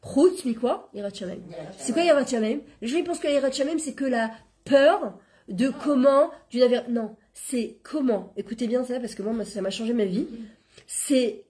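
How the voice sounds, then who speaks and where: Animated woman teaching a spiritual class. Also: on the high side, moderate pace. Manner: animated, conversational, mixes Hebrew terms into French. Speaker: Torah class teacher and coach. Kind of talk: informal religious lesson.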